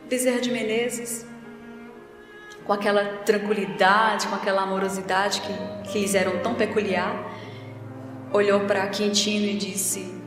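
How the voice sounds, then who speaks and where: A woman's voice: medium pitch, little pitch movement, a little slow. Woman lecturing in an echoey hall. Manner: storytelling, acts out quoted voices. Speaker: spiritist lecturer. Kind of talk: public lecture with storytelling. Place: spiritist center hall. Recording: echoey hall from far off, faint music.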